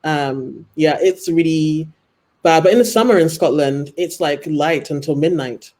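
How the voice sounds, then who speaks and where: A woman's voice: low voice, a little slow, a little mellow. A young woman, a guest author, chatting casually on a video call and talking hesitantly with lots of "um" and "like". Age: young adult. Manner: hesitant, many fillers like um and like.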